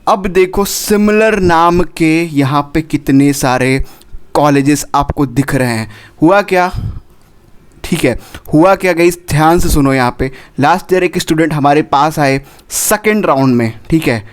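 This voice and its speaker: Urgent, fairly high-voiced male counsellor. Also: unhurried, smooth. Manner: urgent, repetitive, warns directly, drops English words into Hindi. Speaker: admissions counsellor. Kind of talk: counselling advice video.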